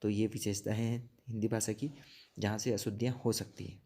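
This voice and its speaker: A man teaching an exam-prep spelling lesson, explaining slowly, repeating words and asking checking questions. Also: fairly low pitch, level tone, warm tone. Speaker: Hindi teacher.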